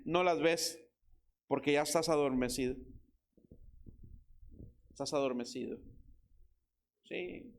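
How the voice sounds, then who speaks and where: A man with a Mexican accent preaching a sermon as pastor, telling a story with lively, acted-out quotes. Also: high-pitched. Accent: Mexican Spanish. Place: church. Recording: loud guitar music behind.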